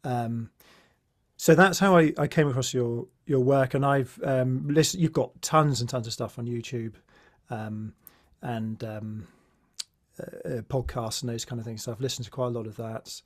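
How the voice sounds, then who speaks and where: A man's voice: mid-range voice, normal speed. A man hosting a podcast interview, talking in a casual, hesitant way with many fillers and restarts. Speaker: podcast host.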